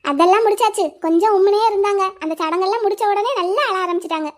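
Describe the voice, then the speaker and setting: Woman doing a super high-pitched cartoon sister-in-law, chatty, fussy, bit cheeky. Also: fast. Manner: fussing, sing-song, cheeky. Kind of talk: Tamil cartoon voice acting.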